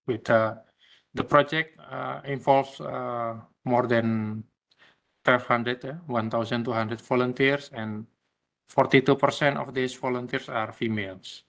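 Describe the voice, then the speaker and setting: A man's voice: medium pitch, fairly even intonation, measured pace, creaky, a bit bright. A man from Indonesia, not an English speaker, giving a presentation in a hesitant way, with many fillers and restarts. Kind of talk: online session presentation.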